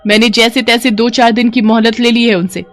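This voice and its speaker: Woman voicing a sharp-tongued cartoon wife. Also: fairly high pitch, steady tone, fairly quick, voice pushed up, natural voice. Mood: scolding. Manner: scolding, complaining. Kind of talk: cartoon voice acting.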